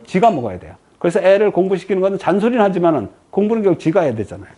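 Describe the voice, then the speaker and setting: A woman's voice: on the low side, rapid-fire, slightly rough. A woman giving a lecture, asking the audience frequent questions and answering them herself. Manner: lively rhetorical questions to the audience.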